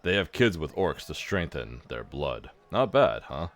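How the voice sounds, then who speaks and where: A man voicing a gruff, sardonic male half-orc warrior in a fantasy game, with a deep, gravelly, drawling voice. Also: very animated, a little slow, exaggerated voice. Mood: boastful.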